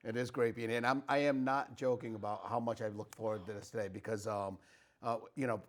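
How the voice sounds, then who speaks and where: A man's voice: mid-range voice, fairly even intonation, fast. Chatty man hosting an interview. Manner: chatty, rambling with restarts and fillers. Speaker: host. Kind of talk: casual interview.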